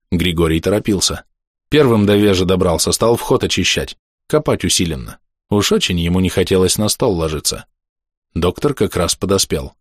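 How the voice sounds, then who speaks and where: A man reading an audiobook aloud in an expressive storytelling manner. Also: low voice, no room sound, studio quality. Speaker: audiobook narrator. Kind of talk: scripted narration.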